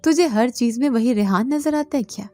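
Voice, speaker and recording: A woman voicing a brisk, dismissive older aunt who scolds in a matter-of-fact way. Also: on the high side, warm tone, no echo, faint music behind, voice pushed up, natural voice. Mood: brusque.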